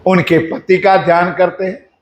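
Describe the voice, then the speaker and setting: A man giving a devotional sermon, putting questions to his listeners and chanting mantras slowly. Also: high voice, flat delivery. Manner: addresses the audience directly with questions. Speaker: preacher. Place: ashram hall. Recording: echoey hall.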